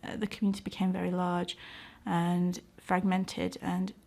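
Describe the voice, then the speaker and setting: Here the speaker is a British doctor and community organiser in middle age, answering interview questions in a reflective, earnest way and frequently pausing to find her words. She has a lowish, creaky, slightly mellow voice, a flat delivery, and a moderate pace.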